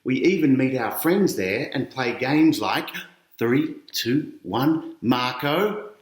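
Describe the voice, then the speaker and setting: In a roomy room with plenty of echo, a middle-aged Australian man reads a picture book to kids slowly and expressively in a mid-range voice. He keeps pausing the story to chat with his young audience, putting questions to them and explaining things.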